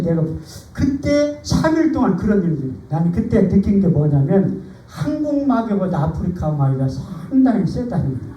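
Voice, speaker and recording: Middle-aged man, pastor, conversational testimony sermon; lively rising-and-falling delivery, warm low tone, echoey church hall, mic set back. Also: far from the mic. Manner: conversational storytelling, animated. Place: church sanctuary.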